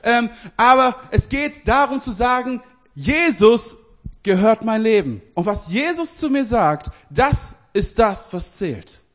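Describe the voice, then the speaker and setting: High-voiced German-speaking preacher, informal. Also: male voice, lively intonation, slow. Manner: informal, addresses listeners directly, laughs often; restarts and self-corrections. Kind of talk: casual sermon.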